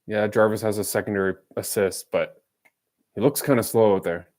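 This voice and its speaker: Low-ish and darkish, this man's voice holds a steady tone at a moderate pace. He's hosting a hockey watch-along stream, switching between calling plays and lighthearted, teasing chatter with the audience.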